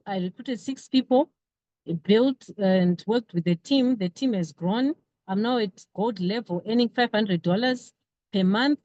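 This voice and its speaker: A woman's voice: medium pitch, mellow, no echo. Earnest woman, dull dry audio. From Zimbabwe. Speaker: systems engineer sharing a testimonial. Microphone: video call.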